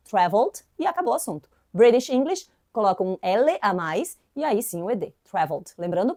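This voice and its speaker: A woman's voice: a little high, a little mellow. A woman teacher explaining English spelling and pronunciation, repeating example words and checking in with frequent tag questions. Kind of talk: online English lesson.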